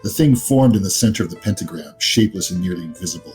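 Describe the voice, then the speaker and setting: Music plays in the background while a man runs a tabletop horror roleplaying game, improvising scene descriptions conversationally as game master. He speaks fast and animatedly in a low, slightly mellow voice.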